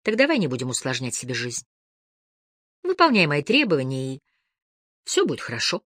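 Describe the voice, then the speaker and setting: A woman voicing a cold, quietly menacing man. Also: rumbling low, brisk, breathy edge, no echo, clean studio sound, pitched below the performer's own voice, heavily acted. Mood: coldly menacing. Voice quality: quiet, calm and detached.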